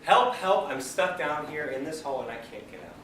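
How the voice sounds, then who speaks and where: A man voicing a desperate man stuck in a hole, calling loudly for help in a pleading voice, in a spoken parable. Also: medium pitch, fairly quick, natural voice. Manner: loud, pleading calls for help. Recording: echoey room, mic far off, background noise.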